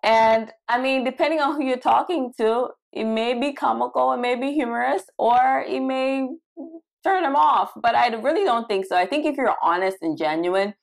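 A young adult woman from Cameroon coaching doctors for residency interviews in a live Q&A, animated and emphatic, repeating points for stress. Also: fairly high pitch, moderate pace, vocal fry. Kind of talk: live Q&A session.

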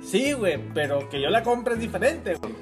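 A man's voice: sits high, sing-song, fairly quick. A man with a Mexican accent co-hosting a casual chat among friends, speaking in teasing slang. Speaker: podcast co-host. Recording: music behind the voice. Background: music.

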